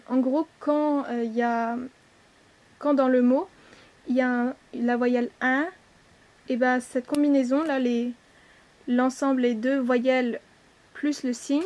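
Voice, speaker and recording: A woman's voice: high-pitched, darkish tone. A woman teaching a language lesson, patiently repeating each word and spelling things out, now and then correcting herself.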